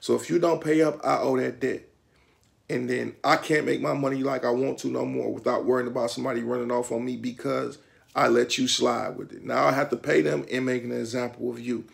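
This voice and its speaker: Talking straight into a camera in a small room at home, a middle-aged vlogger with a Detroit accent explains the rules in a streetwise, instructive manner, often gesturing with his hands. His mid-pitched voice has a heavy gravelly rasp, a steady tone, and a slightly fast pace, in casual talk to camera.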